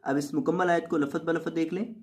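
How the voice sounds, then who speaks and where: A Quran teacher giving a tajweed lesson, reciting each word slowly and drawn out several times, then explaining the rules in quick, softer asides. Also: medium pitch, fairly even intonation, faint music behind.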